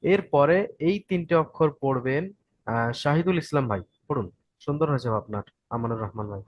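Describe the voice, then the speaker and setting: A man's voice: medium pitch, expressive, fairly quick, no echo, highs cut off. A man with a West Bengal Bengali accent teaching an online Quran reading class, patient and repeating each point to check his students follow.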